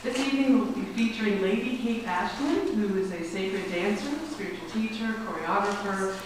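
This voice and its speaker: In a meeting room before an audience, a woman who directs a society welcomes the crowd and introduces the evening's speaker, reading a biography with frequent hesitations and fillers. Her mid-range voice moves at a moderate pace. The room is echoey, the mic is far off, and hiss runs in the background.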